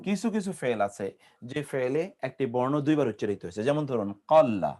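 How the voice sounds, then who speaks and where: A man's voice: mid-range voice, big pitch swings, brisk, warm tone. A man with a Bangladeshi accent teaching an Arabic grammar class. He spells out verb forms syllable by syllable and quizzes his students. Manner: drills conjugations, syllable by syllable, with quiz questions to the class. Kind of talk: classroom lecture.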